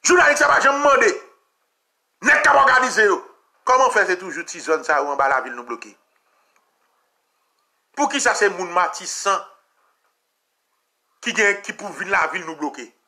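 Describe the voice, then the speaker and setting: A man with a Haitian accent giving an impassioned political talk, repeating phrases and sometimes shouting. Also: high-pitched, sing-song, normal speed, pauses often. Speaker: commentator.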